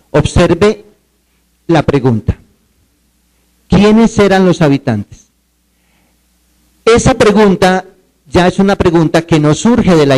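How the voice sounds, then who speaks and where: A man giving a pedagogy seminar lecture, quizzing the audience and spelling words out slowly. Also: sits high, darkish tone, low-quality recording.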